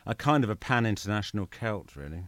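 Relaxed English man, low voice. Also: fast talker, dry recording. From England. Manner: relaxed, chatty, laughs easily. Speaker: guest artist. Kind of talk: casual interview over a video call. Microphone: video call.

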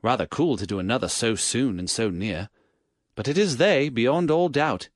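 A man voicing an eager young police inspector in an audiobook, brisk and earnest. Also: medium pitch, expressive, no room sound, clean studio sound, close to an everyday voice. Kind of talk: audiobook character voice.

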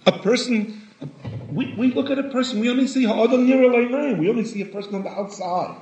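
A man giving a sermon in a halting way, often repeating words and rising in pitch for emphasis. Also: a little mellow. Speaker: rabbi. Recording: echoey room, dull lo-fi sound.

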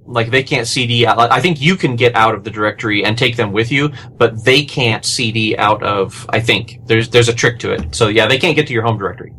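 A man's voice: mid-range voice, brisk, few pauses, a little hiss or hum. Gushing man on a podcast. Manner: excited, gushing. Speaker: podcast panelist. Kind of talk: casual podcast chat.

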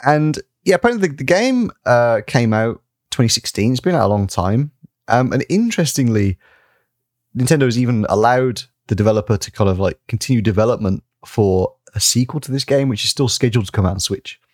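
A man's voice: medium pitch, lively intonation, brisk, dry recording, clean studio sound. A man co-hosting a podcast, chatting loosely with a lot of fillers, laughing often and swearing casually. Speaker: podcast co-host. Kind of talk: casual chat.

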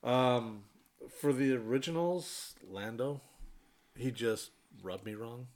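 A man's voice: medium pitch, slow, darkish tone. A man co-hosting a casual podcast chat, laid-back and hesitant, often trailing off with ums. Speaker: podcast co-host.

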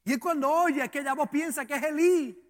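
High-voiced male preacher in a reverberant hall. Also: brisk. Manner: dramatic, varies pace and volume, stretches words for emphasis. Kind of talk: sermon.

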